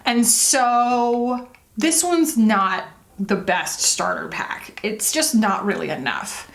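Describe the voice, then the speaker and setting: A woman's voice: fairly high pitch, slow pace, creaky. A woman beauty vlogger talking casually and confessionally, in a candid, empathetic way with emphatic asides. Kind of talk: casual confessional chat while doing makeup.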